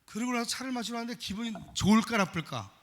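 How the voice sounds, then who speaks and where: A middle-aged man preaching a sermon as pastor, emphatic, swinging from loud exhortation to quiet confession. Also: very high-pitched, animated, fast talker. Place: church sanctuary. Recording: long church hall reverb.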